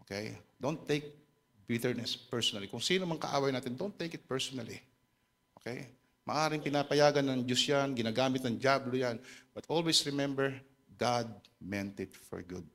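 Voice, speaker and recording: A man with a Filipino accent preaching a sermon, telling a story dramatically and dropping to a hush for quoted lines. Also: mid-range voice, moderate pace.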